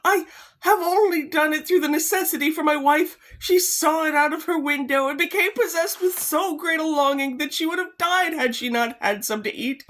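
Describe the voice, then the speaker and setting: A woman's voice: high voice, moderate pace, fairly bright tone, voice pushed up. A woman reading aloud, voicing a frightened husband who begs for mercy in a raised, pleading voice. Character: frightened pleading husband, middle-aged man.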